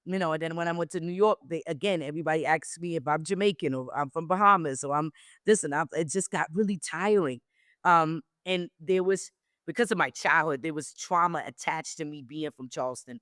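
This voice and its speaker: A woman from South Carolina, a travel company founder, telling her story candidly as an interview guest, with a mostly neutral American accent that keeps a slight South Carolina Lowcountry trace. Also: brisk, a bit bright, dry recording, clean studio sound. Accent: General American, slight South Carolina Lowcountry. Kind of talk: casual interview conversation.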